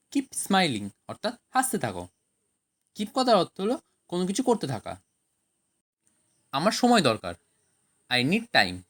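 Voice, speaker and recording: Woman teaching translation with lively pitch. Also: husky. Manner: reads each sentence in Bengali, then English, then explains. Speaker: language teacher. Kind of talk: scripted translation lesson.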